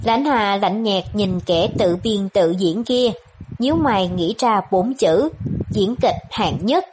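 A woman narrating an audiobook of a palace-intrigue novel in a steady, even storytelling manner. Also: mid-range voice, a little hiss or hum, poor audio. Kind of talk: scripted narration.

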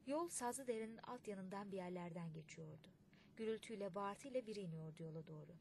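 A woman reading a literary audiobook in a measured, expressive way. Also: mid-range voice, creaky, a little hiss or hum. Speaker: audiobook narrator.

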